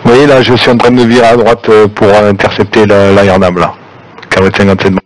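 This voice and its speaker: A man with a fairly low voice talks as a pilot through a radio headset. His delivery is terse aviation radio talk, as in an online flight simulation. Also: level tone, fairly quick, rough recording. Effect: pilot radio headset transmission.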